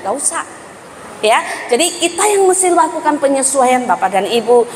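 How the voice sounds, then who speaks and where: Woman giving a parenting seminar, high voice, big echoey hall, lots of back and forth with the crowd. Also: normal speed, a little hiss or hum. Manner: animated, quizzes the audience, acts out parents and children. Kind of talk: lively seminar talk to parents. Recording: reverberant hall with faint ambience.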